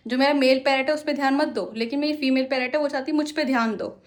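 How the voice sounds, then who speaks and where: A young woman talking in a high, light voice as she vlogs casually at home. She explains things at length in a chatty way and often answers her own questions. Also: steady tone, fast talker, slight background noise. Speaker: vlogger and parrot owner. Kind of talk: casual explanatory vlog talk. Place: at home indoors.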